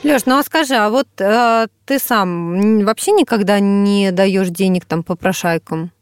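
A woman's voice: medium pitch, a little slow, smooth, no echo, studio quality, soft background music. A woman hosting a radio talk show, asking questions in a conversational style. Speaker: radio host.

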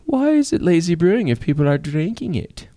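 A man's voice: high voice, sing-song, brisk, mellow, no echo, studio quality. A man hosting a brewing show in casual chat, laughing often and restarting his sentences.

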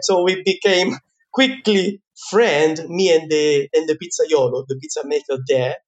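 A man with a light Italian accent tells his story as an interview guest, talking in a relaxed, chatty way. His speech is full of small fillers and restarts, and he laughs often between his thoughts. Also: fairly high pitch, unhurried. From Italy. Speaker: guest, pizza teacher.

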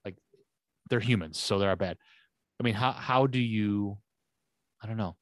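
In a casual conversational chat, a podcast co-host rambles and thinks aloud, restarting often. He has a lowish voice, speaks at normal speed, and there is no echo.

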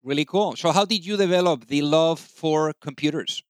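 A man's voice: fairly high pitch, normal speed, no echo. A man hosting an interview podcast, upbeat, often repeating words as he searches for phrasing. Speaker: podcast host.

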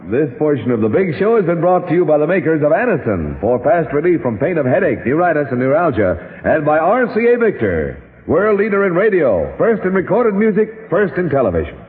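Male announcer, old radio show, formal measured read, tinny lo-fi sound, long hall echo, voice swinging widely in pitch. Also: big pitch swings. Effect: old radio show broadcast. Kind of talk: scripted sponsor announcement.

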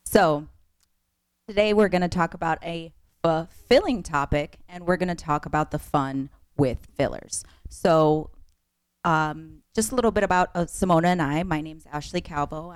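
Woman guest, physician assistant, low voice, dry sound, professional explainer. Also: normal speed, clean tone, no room sound. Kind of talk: interview answers.

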